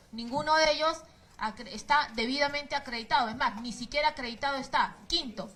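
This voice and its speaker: A Peruvian woman lawyer pressing her case in a formal hearing, counting off her points and hammering them home. Her voice sits a little high for a woman. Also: a bit bright, poor audio. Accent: Peruvian Spanish. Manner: insistent, enumerating points. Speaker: defense lawyer. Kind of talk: formal courtroom argument.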